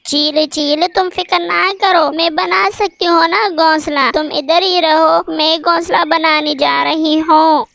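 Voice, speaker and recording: A woman voicing a kind, obedient young daughter-in-law bird in a cartoon, speaking politely and gently. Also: very high voice, steady tone, slow pace, creaky, slight background noise, heavily acted. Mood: gentle. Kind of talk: Hindi cartoon voice acting.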